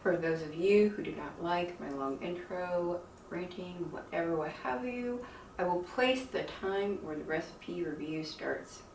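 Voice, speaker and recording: A woman chatting casually to her viewers in a weary, folksy, rambling way, her speech softened by missing teeth, lips over gums. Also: lowish voice, unhurried. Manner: chatty, weary, folksy slang, frequent laughs. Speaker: video creator with own channel. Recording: roomy, distant mic, faint noise.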